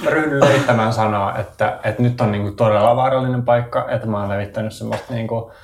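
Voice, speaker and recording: A man playing a tabletop game, talking hesitantly and describing his character's actions. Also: on the low side. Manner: hesitant, animated when in character. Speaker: player. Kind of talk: tabletop role-play. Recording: echoey room with clear background noise.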